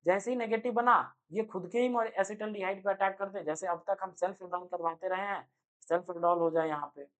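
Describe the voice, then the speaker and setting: A young man giving an energetic online chemistry lecture, speaking loudly and constantly quizzing his students with quick rhetorical questions. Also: sits high. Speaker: chemistry teacher. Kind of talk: online exam-prep lecture.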